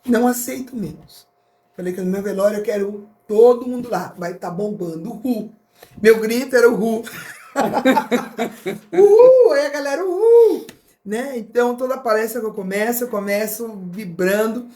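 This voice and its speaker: Middle-aged Brazilian woman, motivational speaker, storytelling as a guest, animated delivery. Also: a little high, moderate pace, echoey room. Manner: animated, acts out dialogue in different voices. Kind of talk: emotional personal storytelling.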